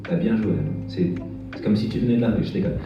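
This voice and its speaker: On a bar stage before a live audience, a young French stand-up comedian delivers his set haltingly, full of fillers and restarts. His voice is lowish, and the recording sounds distant, echoey and dull, with music behind him.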